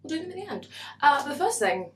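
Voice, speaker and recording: A woman's voice: high-pitched, very animated, fast, a bit bright, a little hiss or hum. A woman, chatting bubbly and self-mocking through a book haul vlog. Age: 20s. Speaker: booktuber. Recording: echoey room.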